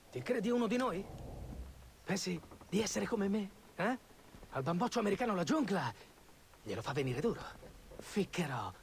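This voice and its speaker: An actor playing a volatile, unhinged male pirate leader who taunts and erupts into shouting. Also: sits high, a little hiss or hum. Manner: menacing, erratic, swings into shouting. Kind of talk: game cutscene acting.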